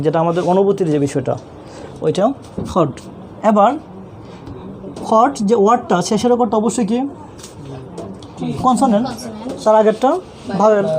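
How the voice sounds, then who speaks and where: Mellow-voiced Bangladeshi male grammar teacher. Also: high-pitched. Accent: Bangladeshi Bengali. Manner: patient, repeats questions and answers them himself. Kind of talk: online classroom lesson.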